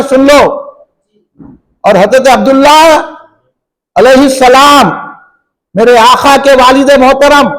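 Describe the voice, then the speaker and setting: A man preaching, his voice pitched very high for a man. He delivers an impassioned sermon, firing questions at the crowd and climbing into shouts. It sounds like a religious gathering in a function hall. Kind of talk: fiery sermon.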